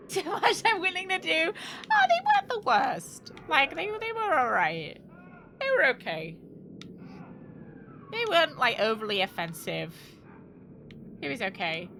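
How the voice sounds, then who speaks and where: A British woman streams a video game, chatting casually and thinking out loud to her viewers. Her mid-range voice has a sharp tone, and there's a little hiss or hum on the recording.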